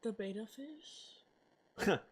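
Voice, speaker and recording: A woman's voice: medium pitch, animated, extremely slow, husky. A woman co-hosting a live game stream, reacting in a giggly, teasing way.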